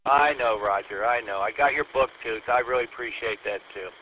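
A man's voice: mid-range voice, fairly quick. A man in casual, rambling radio chat, heard over a two-way CB-style radio transmission. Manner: folksy, rambling, easygoing. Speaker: amateur radio operator. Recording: tinny radio line with faint static.

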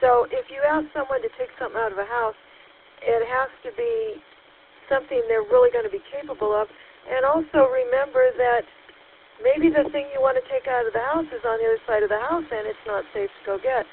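A woman's voice: very high voice, sing-song, fairly quick, creaky. A woman checking in over a walkie-talkie, answering by call sign and thinking aloud in a rambling way with many fillers. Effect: heard over a walkie-talkie radio. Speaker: caller checking in to a radio net. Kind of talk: radio net check-in chat. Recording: tinny two-way radio with faint hiss.

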